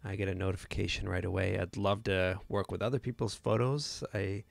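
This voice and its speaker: A man's voice: sits low, steady tone, brisk, gravelly, no echo. A man hosting a live photo editing tutorial, talking casually with many fillers and restarts.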